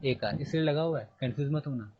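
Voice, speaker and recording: Husky guy teaching grammar, keeps asking the class questions, kinda muffled lo-fi audio. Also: mid-range voice. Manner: repeats points and quizzes students with quick questions.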